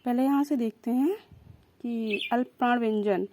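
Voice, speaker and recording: A woman's voice: on the high side, dark tone, slight background noise. A young woman teaching an exam-prep lesson, patiently repeating and sounding out each consonant. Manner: repeats and spells out sounds slowly, explaining patiently.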